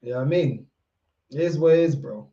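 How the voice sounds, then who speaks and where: London roadman guy with a highish voice. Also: brisk, mellow, highs cut off. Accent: London roadman, multicultural London English. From London, England. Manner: slangy, repetitive, emphatic phrasing. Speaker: football fan livestream host. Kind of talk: casual livestream chat, answering viewer comments.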